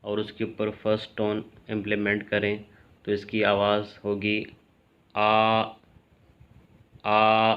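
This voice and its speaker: A man teaching a language lesson in a calm, measured way, clearly spelling out each sound. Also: fairly low pitch, dull audio. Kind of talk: slow explanatory lesson.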